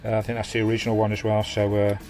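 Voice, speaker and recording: This British man, a vanlife vlogger from the United Kingdom, races through a matey, slang-peppered video tour and fitting commentary inside his campervan. He speaks at a fairly low pitch in a monotone, his tone a little mellow, over faint background music.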